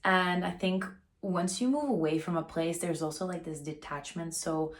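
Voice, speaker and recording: Speaking at a normal speed, this vlogger is a woman in her thirties whose voice is fairly low and slightly raspy. She talks to camera in a casual, chatty way and leans on "like" as a filler often.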